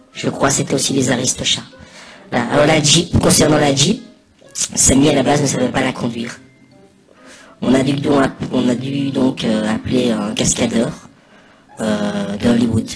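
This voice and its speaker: A man giving a casual, improvised mock commentary over video, rambling hesitantly and pausing mid-sentence. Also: mid-range voice. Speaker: narrator of a spoof anonymous behind-the-scenes testimony. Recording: voice over loud music. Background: loud music.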